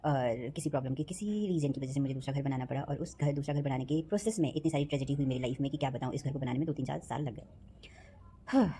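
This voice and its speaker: A woman's voice: low-pitched, dark tone, slight background noise. A woman venting in a rambling casual monologue, repeating herself and correcting her words as she goes. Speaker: vlogger.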